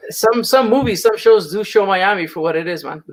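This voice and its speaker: A Lebanese man in his thirties, a snake breeder appearing as a guest, chats casually and easily, dropping the occasional swear word. His voice sits high and moves fairly quickly, and the recording is rough.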